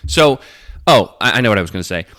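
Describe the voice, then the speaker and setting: Slightly congested from a runny nose, this man rambles through announcements on his solo podcast, chatting conversationally and dropping in fillers. He has a lowish, sing-song voice, talks fast with a pushed, bright tone, and the studio-quality recording is dry.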